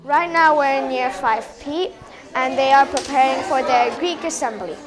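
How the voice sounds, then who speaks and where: A woman's voice: sits high, normal speed, music in the background. A woman guiding visitors through classrooms, friendly and explanatory. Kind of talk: school tour commentary.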